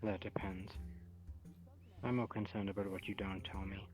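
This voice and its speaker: A man playing a stern, veiled-threatening superior in an online role-play game, measured and formal. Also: low voice, little pitch movement, natural voice. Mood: coolly stern. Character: stern, veiled-threatening male superior inspecting his staff.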